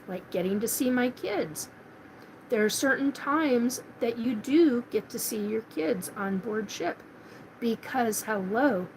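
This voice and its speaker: A slightly high but darkish female voice belongs to a middle-aged Washington State woman running a live paranormal chat. She rambles informally, full of fillers and restarts, in a casual monologue. The audio is poor, with a little hiss or hum.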